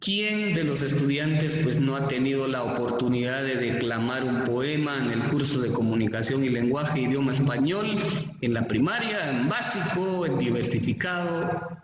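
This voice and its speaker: A man's voice: mid-range voice, moderate pace, dull audio. A man with a Guatemalan Spanish accent teaching a school lesson, explaining patiently with many examples and fillers. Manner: explanatory, repeats and lists examples, uses fillers like pues. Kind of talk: spoken classroom lesson. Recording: echoey room, far from mic, faint noise.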